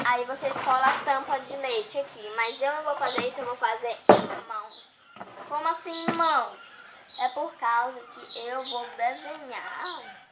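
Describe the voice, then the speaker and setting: A chatty young girl, a crafts vlogger, talks to viewers in a high, unhurried female voice while cutting and drawing. This casual craft tutorial was captured as a noisy home recording.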